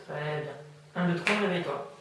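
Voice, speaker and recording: Guy doing amateur hypnosis, slow soothing repeats, lots of ums, mic far away in a really echoey room. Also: a little high, background noise. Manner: slow soothing repetitive suggestions; hesitant, many fillers. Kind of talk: hypnosis session.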